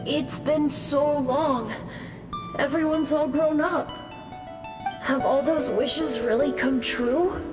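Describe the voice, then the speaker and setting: A woman playing a soft, wistful young woman in an anime game. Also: high-pitched, slow pace. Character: soft, wistful young woman, long-parted childhood friend. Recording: long reverb, music behind. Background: game music.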